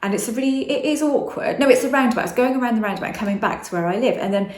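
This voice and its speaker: A woman's voice: on the high side, expressive, rapid-fire, darkish tone, reverberant. A woman vlogging about manifestation in a casual, rambling monologue, often restarting and correcting herself.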